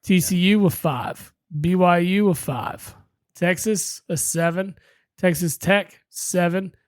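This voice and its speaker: A man's voice: high-pitched, slow, no room sound, clean studio sound. A man co-hosting a casual sports podcast, brash and swearing freely as he rattles off predictions. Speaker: podcast co-host.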